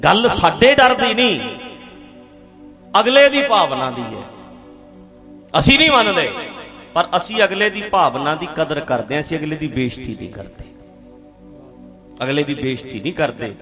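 High-voiced man giving emphatic talk. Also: big pitch swings, moderate pace, long pauses, pushed and bright, soft background music. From India. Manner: emphatic, repeats phrases, asks the audience questions. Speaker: speaker addressing an audience. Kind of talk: public talk on religion.

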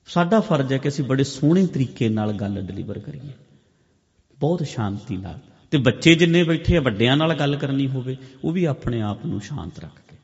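A man delivers a sermon-style talk to a camp gathering, his voice at a middle pitch. He drives points home through repeated phrases and sharp swings between loud and hushed. The sound is dull and lo-fi, with a long hall reverb trailing each line. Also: lively intonation, normal speed. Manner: repetitive, emphatic phrasing with big swings in loudness. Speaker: speaker at a meditation camp.

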